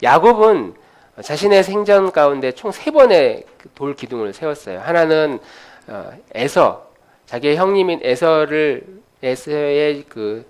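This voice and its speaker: Casual: pastor guy preaching, lively storytelling, kinda high voice that moves around a lot. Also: measured pace. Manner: animated storytelling with frequent fillers. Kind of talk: sermon.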